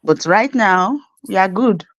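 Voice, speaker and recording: Nigerian-accented woman, nurse guest, animated storyteller; dull, dry audio. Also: medium pitch, measured pace, dry recording. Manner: animated storytelling, acts out quoted exchanges. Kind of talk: conversational interview.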